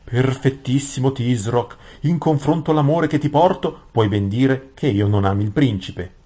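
A flattering old grand vizier, as a male narrator puts him on, all flowery praise and pitched a little higher. The tone stays husky and breathy underneath. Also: normal speed, natural voice. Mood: fawning.

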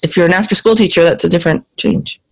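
A woman's voice: fairly low pitch, quick pace, vocal fry. A woman hosting a podcast, talking in a casual, conversational interview style. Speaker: podcast host.

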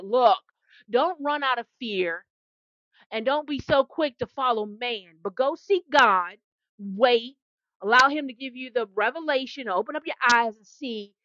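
A woman's voice: fairly high pitch, fairly bright tone, no room sound. Woman prophetess preaching hard, repeats herself, muffled lo-fi sound. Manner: fervent, repetitive, call-and-response asides. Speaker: self-described prophetess. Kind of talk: impassioned preaching monologue.

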